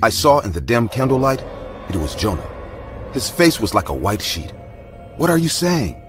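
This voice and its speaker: Brief: male horror narrator, measured and dramatic, animated delivery with music under it. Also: lowish voice. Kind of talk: scripted horror story narration. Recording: narration over loud music.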